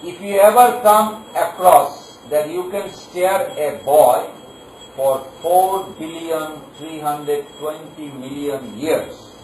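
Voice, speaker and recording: In a large gathering hall, a man preaches a devotional sermon to a live audience, frequently quizzing them with questions. His voice is fairly high and a little mellow, and he takes his time. The recording is echoey, with a distant mic and faint noise.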